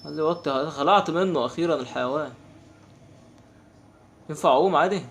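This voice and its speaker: Fast-talking Egyptian man narrating gameplay. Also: fairly high pitch, a little hiss or hum. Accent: Egyptian Arabic. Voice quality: quick, animated, exasperated banter. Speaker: gaming channel host. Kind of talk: casual gameplay commentary.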